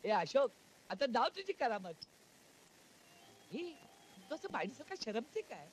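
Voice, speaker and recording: Lively fawning comic, broken English, voice leaping all over. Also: male voice, very high voice, measured pace, a little hiss or hum, heavily acted. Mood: coaxing. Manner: animated, mixes English and Marathi. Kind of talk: 1990s comedy film acting.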